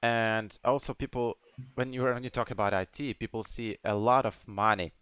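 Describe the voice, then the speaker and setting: A man's voice: mid-range voice, fairly even intonation, moderate pace, a bit bright, clean tone, no echo, muffled recording. A man in his twenties from Ukraine, in English, hosting a casual podcast chat. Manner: chatty, nonnative English with restarts. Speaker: podcast host.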